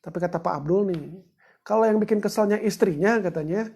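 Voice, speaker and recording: Husky-voiced woman. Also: mid-range voice, fairly quick, dark tone. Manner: chatty and joking, greets viewers, gives step-by-step instructions. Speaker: book discussion presenter. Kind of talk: livestreamed teaching talk.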